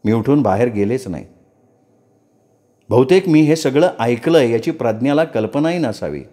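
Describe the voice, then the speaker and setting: A man reading a story aloud in an expressive first-person narration. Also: mid-range voice, normal speed.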